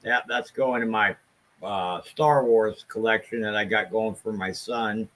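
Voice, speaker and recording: A man's voice: lowish voice, a little slow, a bit bright. A man chatting casually as a co-host on a collectors' livestream.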